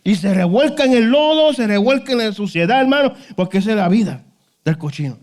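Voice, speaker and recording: Fervent high-voiced pastor. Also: male voice, expressive, a little fast, a little mellow. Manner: fervent preaching, constant "hermano" and "aleluya" interjections; rhetorical questions, voice rises and falls sharply. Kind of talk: sermon.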